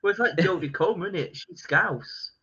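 A man's voice: high-pitched, moderate pace, crowd noise. A man co-hosting a casual film podcast, laughing and quoting film lines. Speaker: podcast co-host. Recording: dull lo-fi podcast audio.

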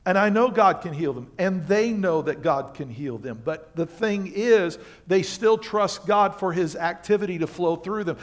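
A man preaching a sermon to a congregation, reading scripture aloud and commenting on it, moving between quiet asides and loud emphasis. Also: high voice, expressive, normal speed, hardly any pauses. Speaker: pastor. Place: church sanctuary.

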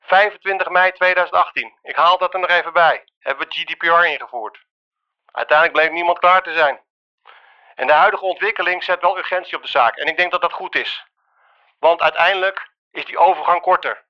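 Man leaving a businesslike voicemail. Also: fairly high pitch. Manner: businesslike, reads a report aloud. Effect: voicemail message played over phone line. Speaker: caller. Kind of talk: leaving a voicemail, reading out news and commentary. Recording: dull lo-fi phone playback.

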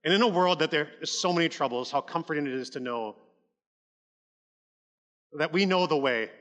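Bright-voiced male pastor preaching. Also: fairly high pitch, normal speed, long reverb tail. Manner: conversational, emphatic preaching with frequent "like" and restarts. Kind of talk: sermon.

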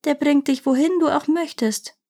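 A woman voicing small, spiteful male demons in a fairy tale reading, shrill and shrieking. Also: steady tone, normal speed, gravelly, mellow. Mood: greedy.

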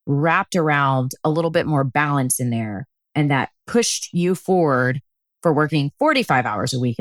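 A woman's voice: low-pitched, no room sound. A woman hosting a conversational interview, speaking earnestly and emphatically in long winding sentences. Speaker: interview host.

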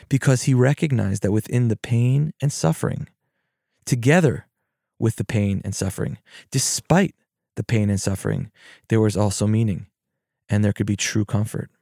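A man, a therapist and podcast host, giving a gentle, reflective mindfulness talk and telling stories. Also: mid-range voice, normal speed, vocal fry, no echo, clean studio sound.

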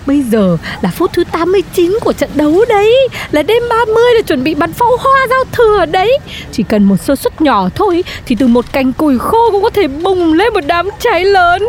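A bossy, superstitious cartoon shopkeeper mom who scolds and dramatizes everything. Her very high voice swoops up and down a lot. Music plays softly underneath. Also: very animated, a little fast, hardly any pauses, a little hiss or hum. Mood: melodramatic. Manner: scolding and melodramatic. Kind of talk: cartoon voice acting.

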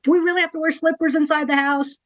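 This middle-aged TV news anchor from Texas, USA, has a high voice with fairly even intonation and talks fast. As a podcast guest in a casual interview, she speaks candidly, laughs often, and tags "right?" onto her points.

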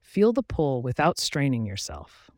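A man guiding a relaxation meditation in a calm, soothing, measured way, giving instructions with pauses. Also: mid-range voice, dry recording, clean studio sound. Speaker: meditation guide. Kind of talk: guided relaxation meditation narration.

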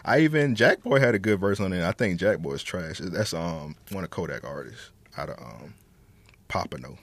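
A man's voice: low-pitched, lively intonation, moderate pace. A man from Florida co-hosting a podcast, chatting casually about music in slangy, profane language. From Florida, United States. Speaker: podcast co-host reviewing music.

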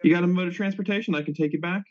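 Higher-pitched male gamer, slightly muffled. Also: steady tone, very fast. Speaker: tabletop game player. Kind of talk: casual in-character improvised game chat.

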